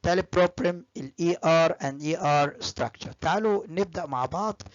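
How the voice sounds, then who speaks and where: An English lecturer with an Egyptian Arabic accent talks through a grammar lesson at a mid pitch and moves between Arabic and English. Examples come slowly and get repeated several times. The recording sounds dull and lo-fi, with a dry, close feel and no room echo.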